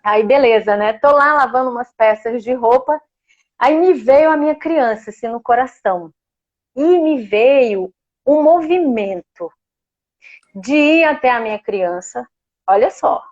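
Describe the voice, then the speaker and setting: A woman's voice: a little high, expressive, a little slow, a little mellow, muffled recording. A woman with a Brazilian Portuguese accent, a guest telling a personal story in a heartfelt, emotional way. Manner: heartfelt, emotional, laughs now and then. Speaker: guest sharing a personal experience.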